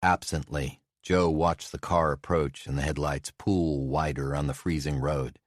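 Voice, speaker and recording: Very deep-voiced male audiobook narrator. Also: fairly even intonation, measured pace, dry recording, clean studio sound. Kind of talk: scripted narration.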